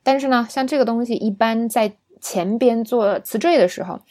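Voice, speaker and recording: A woman teaching an English lesson, breaking words down syllable by syllable and often checking in with her listeners through a quick tag question. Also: fairly high pitch, darkish tone. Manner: patient, explains pronunciation syllable by syllable. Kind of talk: spoken language lesson.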